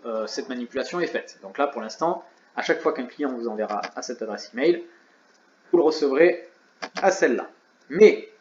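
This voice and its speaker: A man's voice: fairly high pitch, darkish tone, slight background noise. Tired, chatty man in a roomy recording. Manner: chatty, self-mocking asides. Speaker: e-commerce tutorial host. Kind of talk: casual screen tutorial. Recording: roomy, slightly dull sound.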